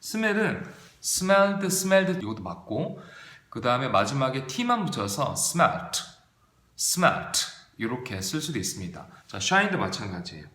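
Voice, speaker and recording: Male teacher, unhurried lively lecture, roomy echoey sound. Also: medium pitch. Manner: drills verb forms aloud, asks and answers own questions. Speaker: English teacher. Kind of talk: online video lecture. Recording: roomy echo.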